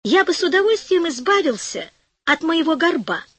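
A woman's voice: very high-pitched, very animated, normal speed, a bit bright, dry recording, pitched above the performer's own voice, full character voice. A humble kindly shoemaker, as a woman reads him. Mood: modest.

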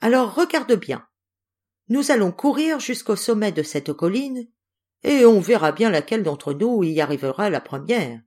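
A woman voicing a cunning, clever female tortoise who talks in a slow, sly, teasing way in a storybook reading. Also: mid-range voice, sing-song, darkish tone, pitched above the performer's own voice.

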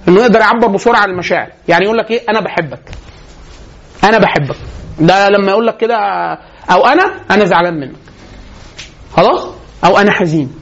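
A man with an Egyptian accent giving a religious lecture on parenting, telling lively stories and laughing often. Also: high voice, dull audio. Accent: Egyptian Arabic.

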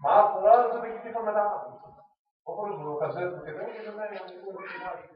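A man's voice: high-pitched, fast. A man with a Tunisian accent teaching a class, firing repeated questions at his students. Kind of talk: classroom lesson. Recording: echoey, tinny, far from mic.

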